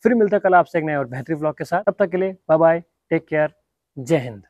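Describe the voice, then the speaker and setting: A man's voice: a little high, lively intonation, fast. A young man talking casually to his viewers as a vlogger, chatty and friendly with the camera. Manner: chatty, addresses viewers as guys. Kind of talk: casual vlog chat.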